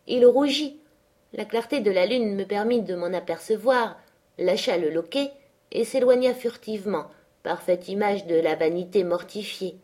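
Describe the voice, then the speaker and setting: A woman narrating a classic novel aloud in a measured, expressive audiobook reading. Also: mid-range voice. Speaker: audiobook reader.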